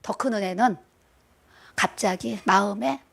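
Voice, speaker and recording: A woman's voice: mid-range voice, measured pace, gravelly. A middle-aged woman, a pastor's wife, preaching a sermon. She speaks emphatically, repeats her words and chuckles through self-mocking asides.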